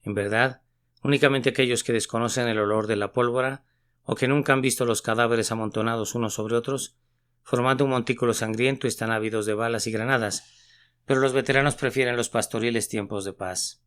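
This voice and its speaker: A man reads a sermon aloud with an earnest, measured delivery. His voice is smooth and resonant, sitting at an ordinary middle pitch for a man. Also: steady tone, a bit bright. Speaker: sermon reader.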